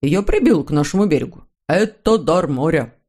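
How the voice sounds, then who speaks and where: A woman voicing a pompous, grumbling father troll in a storybook reading, in a lowered, authoritative manner. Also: animated, fairly quick, dark tone.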